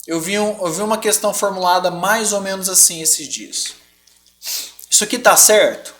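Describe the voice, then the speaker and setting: A man's voice: high voice, moderate pace, a bit bright. A man with a Brazilian Portuguese accent teaching a live online lesson, explaining patiently and checking in with the class often.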